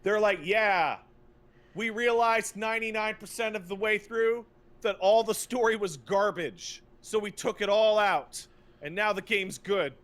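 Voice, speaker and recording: A man co-hosting a podcast talks casually about video games, blunt, profane and emphatic. His voice sits high and a bit bright, and he speaks a little slowly.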